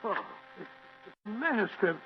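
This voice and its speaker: An actor playing a blustery, loyal English doctor with a British accent, easily astonished, in 1940s radio drama style. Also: male voice, high-pitched, sing-song, unhurried, slight background noise, heavily acted. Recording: dull, humming old radio recording.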